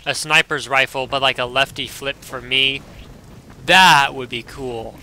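A young man casually commentating his own gameplay, excitable and swearing, yelping out loud as things happen. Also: mid-range voice, unhurried, a little hiss or hum. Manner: excitable, swearing, yelps and reacts loudly.

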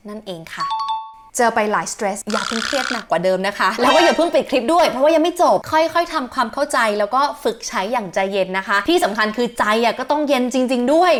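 A woman's voice: on the high side, expressive, fast talker. A young woman hosting an upbeat English lesson, acting out stressed example lines along the way. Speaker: English teacher and host. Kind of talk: bright scripted English lesson. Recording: music bed under the voice.

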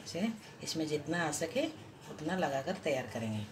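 A woman vlogger in her home kitchen giving a slow, patient step-by-step cooking explanation, pausing often as she works. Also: low-pitched, expressive. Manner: slow, patient explaining with many pauses and restarts. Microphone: camera above the hands, speaker off-screen. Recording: home kitchen with audible stove noise. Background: sizzling and frying sounds.

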